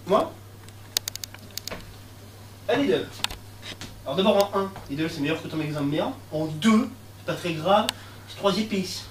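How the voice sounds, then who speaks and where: A young male comedian tells a sketch in rough street slang, now and then erupting into loud shouts. He sounds distant from the mic, in a room with a noticeable echo. A faint hiss sits underneath the recording. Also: on the high side, a little fast. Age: young adult. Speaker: stand-up comedian. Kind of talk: comic monologue sketch. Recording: echoey room, far mic, faint noise.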